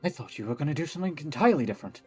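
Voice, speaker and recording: A man playing a tabletop game, chatting casually in a jokey, excitable manner. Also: on the high side, racing, slightly rough, faint music behind. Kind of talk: casual joking chat.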